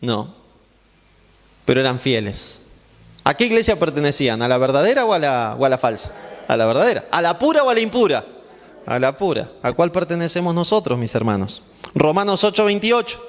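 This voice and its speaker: Male pastor, high voice, emphatic and repetitive, heard in a long-reverb hall. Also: sing-song, fairly quick. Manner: asks rhetorical questions and answers them himself; emphatic, repeating phrases for stress. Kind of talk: Bible class sermon.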